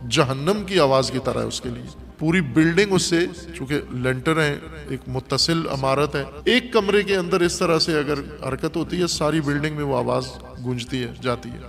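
A man's voice: a little high, fairly bright tone. A man giving an emphatic moral lecture to students and driving his points home with rhetorical questions. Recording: long hall reverb, faint music behind.

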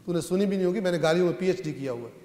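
A man delivers a sermon in a high, carrying voice, explaining scripture to his audience. He rises into loud, chanted recitation, then drops to quiet asides, and keeps asking whether his listeners are with him. The sound rings with the long reverb of a large hall. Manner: swings between loud, rising recitation and quiet, low asides; often checks with the listeners. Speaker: preacher.

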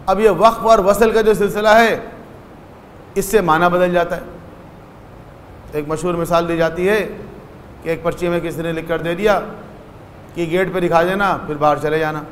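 A man's voice: high voice, steady tone, pauses often, big-room sound, slight background noise. A man giving a religious lecture, explaining step by step and acting out short dialogues in his stories.

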